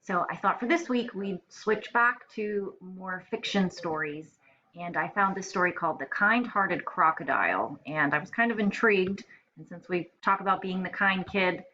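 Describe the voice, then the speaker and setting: In a dull lo-fi home recording with faint noise, a woman teacher reads a storybook aloud to first graders. Her voice is on the low side, pushed and bright, and she reads expressively while offering simple explanations for her young listeners.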